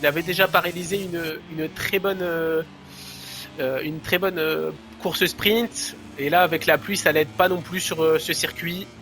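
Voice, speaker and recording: A man's voice: fairly high pitch, steady tone, moderate pace, pushed and bright, a little hiss or hum. A man giving live play-by-play as a motorsport commentator on a motorcycle racing game.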